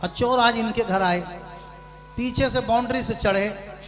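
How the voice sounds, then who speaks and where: A male preacher telling a parable in a sermon, switching between quiet storytelling and loud shouted lines. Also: extremely high pitch, measured pace, faint music behind. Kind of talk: sermon storytelling with acted dialogue.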